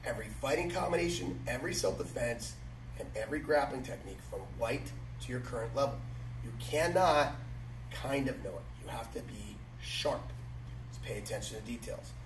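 A man's voice: medium pitch, lively intonation, moderate pace. Emphatic male instructor in echoey gym. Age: middle-aged. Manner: emphatic, repeats key phrases. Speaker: martial arts instructor. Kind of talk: instructional talk to students. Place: large matted martial arts gym, indoors. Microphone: camera several metres away. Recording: echoey hall, distant mic, background noise.

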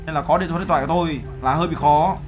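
A man's voice: fairly high pitch, steady tone, very fast, natural voice. A man playing a bragging overseas CEO. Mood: boastful. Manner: brash, bragging, teasing. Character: boastful male overseas-Vietnamese CEO. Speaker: streamer role-playing in a game. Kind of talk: game role-play banter.

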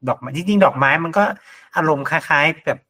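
Bright-voiced Thai man, casual podcast chat. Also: a little high, brisk, no room sound. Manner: relaxed, musing, reads out suggestions. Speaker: podcast host.

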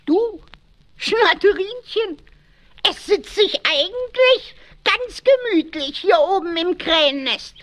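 An actor voicing a cheeky, boastful little kobold with a squeaky voice in a children's audio play. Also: animated, takes it slowly, a bit bright, full character voice. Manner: boastful, exclamatory, refers to himself by name.

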